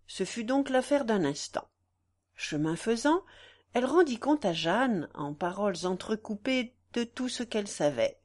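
A woman narrating a classic novel as an audiobook, in a measured, even reading. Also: medium pitch.

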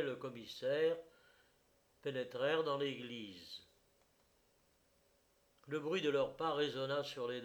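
A man reading a literary story aloud in a measured, expressive narration. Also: mid-range voice.

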